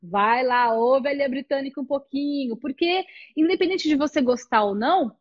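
Woman, high-pitched, teacher hosting a chat, emphatic, acts out others' voices, slightly lo-fi sound. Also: normal speed. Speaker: English teacher, host. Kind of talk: casual conversation.

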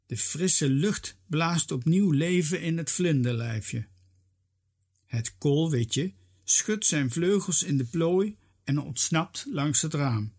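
Reading a children's story with lively expression, the narrator has a husky, mid-range voice and an unhurried pace.

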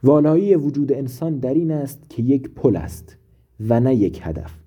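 A man voicing a raving, ailing philosopher who declaims loudly and grandly. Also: mid-range voice, animated, breathy edge, highs cut off. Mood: declaiming.

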